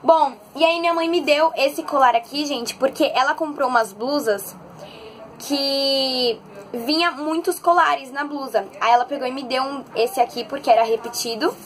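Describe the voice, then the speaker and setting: Woman, bright high voice, bubbly animated storyteller, casual bedroom vlog. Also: moderate pace. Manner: chatty and excitable, animated storytelling. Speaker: vlogger. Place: bedroom at home.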